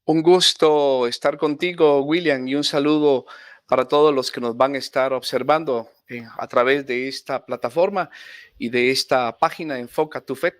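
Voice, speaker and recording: A man, a friar and interview guest, speaking in a measured, thoughtful way with small hesitations. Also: medium pitch, no room sound, studio quality. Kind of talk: interview answer.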